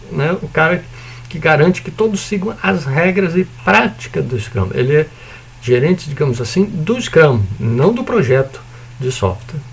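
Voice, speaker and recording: A university lecturer with a Brazilian Portuguese accent gives an informal recorded lecture in a fairly high, husky voice with vocal fry. He explains things chattily, using frequent tag questions, joking asides, and the odd mild swear word.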